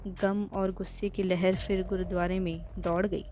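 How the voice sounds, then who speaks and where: A woman narrating a novel audiobook in a measured, clear storytelling manner. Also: lowish voice, flat delivery, a little mellow, a little hiss or hum.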